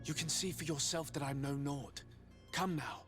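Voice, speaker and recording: Man acting a polite, higher-voiced inquiring envoy. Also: moderate pace, natural voice. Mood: direct, probing. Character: courteous, inquiring male envoy on a mission. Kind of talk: video game voice acting. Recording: music behind the dialogue.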